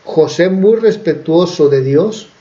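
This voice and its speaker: Guy preaching, telling a bible story kinda loose with lots of ums, slightly high voice, muffled lo-fi audio. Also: slow, mellow. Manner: conversational, with fillers and self-corrections. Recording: dull lo-fi recording.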